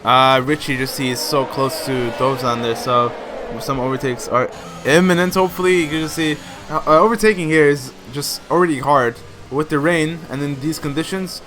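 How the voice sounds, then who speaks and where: A man commentating a sim racing league race, excitable and full of fillers. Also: mid-range voice.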